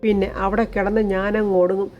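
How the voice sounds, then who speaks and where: A woman's voice: mid-range voice, little pitch movement, fairly quick, muffled recording, slight background noise, close to an everyday voice. A woman voicing a bedridden young mother who speaks in a sorrowful, despairing way, in a TV serial recap. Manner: sorrowful, self-pitying.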